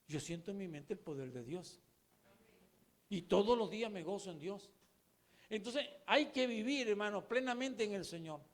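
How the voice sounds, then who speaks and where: Male pastor, high voice, emphatic sermon delivery. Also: lively intonation, normal speed. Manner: emphatic, repetitive preaching with direct address.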